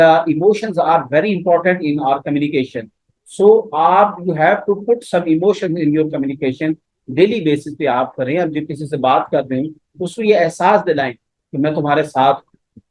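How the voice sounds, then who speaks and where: A male professor lectures on communication in a fairly high voice, recorded dry and close. He explains patiently with everyday examples. He slows down for English phrases woven through his talk. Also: darkish tone, no echo, rough recording. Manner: mixes Urdu with slow, deliberate English phrases.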